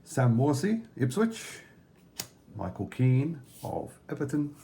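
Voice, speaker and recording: A playful man co-hosting a card pack opening. His pitch swings around a lot as he calls out each card in a casual, bantering commentary. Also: sing-song, slow pace, warm tone, slight background noise. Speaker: co-host opening football card packs.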